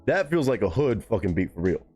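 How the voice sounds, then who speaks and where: A man's voice: on the low side, sing-song, a little fast, a little mellow, slightly rough, faint music behind. A man hosting a live stream in loose, casual chat, swearing freely and answering his chat.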